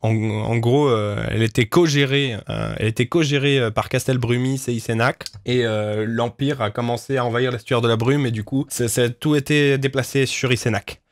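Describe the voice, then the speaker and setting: Male creator, casual stream, animated and profane, middle pitch, dry close sound. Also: moderate pace, hardly any pauses, dry recording. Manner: animated, swears often, exclaims loudly in disbelief; explanatory, with many filler hesitations. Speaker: creator of a fantasy universe reacting to fan theories. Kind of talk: casual livestream reading and commentary.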